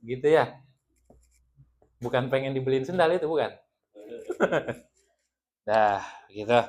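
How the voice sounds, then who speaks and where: A man's voice: medium pitch, expressive, takes it slowly, a little mellow. A man, teaching a religious study group in a playful, teasing way and laughing often with his listeners. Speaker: Islamic teacher leading a women's study group. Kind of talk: joking religious study talk.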